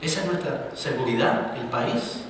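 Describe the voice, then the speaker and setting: A man preaching a sermon as pastor, swinging between loud emphatic bursts and quiet asides. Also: mid-range voice, moderate pace, a little hiss or hum. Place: church hall. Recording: roomy, reverberant church recording from a distance.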